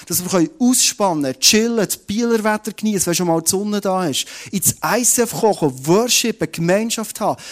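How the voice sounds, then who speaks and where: Swiss german preacher guy, fairly high voice, animated storytelling sermon, keeps asking the crowd stuff. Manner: lively storytelling, addresses listeners directly. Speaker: pastor.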